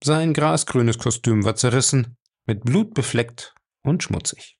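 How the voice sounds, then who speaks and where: Man, audiobook narrator, gravelly, mid pitch, steady. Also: measured pace. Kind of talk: audiobook reading.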